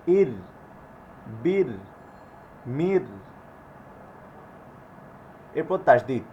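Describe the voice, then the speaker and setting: Slow, careful male recitation teacher. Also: medium pitch, a little mellow. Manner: slow, drilling example syllables by repetition. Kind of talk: online class on recitation rules. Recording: dull lo-fi audio with faint noise.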